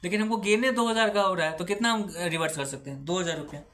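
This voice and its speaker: A man's voice: high-pitched, fast talker, fairly bright tone, slight background noise. A man giving a recorded accounting lecture who patiently asks questions and answers them himself, mixing English terms into his speech.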